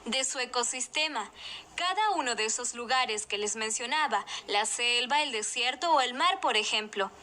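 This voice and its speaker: A knowledgeable female guide in an educational children's video, with a very bright, fairly high voice. She explains patiently and clearly, with some background noise around her. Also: expressive, normal speed. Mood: patient, explanatory. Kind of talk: scripted educational video dialogue.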